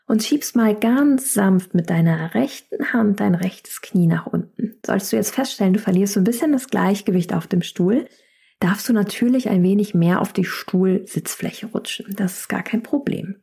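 A woman leading a guided chair yoga class, calmly cueing breaths and counting down each hold in a soft, often near-whispered voice. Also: mid-range voice, moderate pace, creaky, slightly rough. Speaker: yoga instructor.

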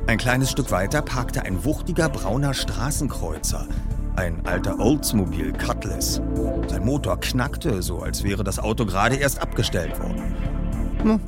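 A man reading an audiobook aloud in scripted narration, a lively storyteller. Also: on the low side, a little slow. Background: background music.

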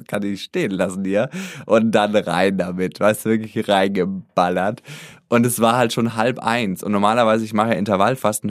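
A man chatting casually as a podcast co-host, telling a story in an animated way. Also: fairly low pitch, no echo, clean studio sound. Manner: animated, acts out quoted dialogue.

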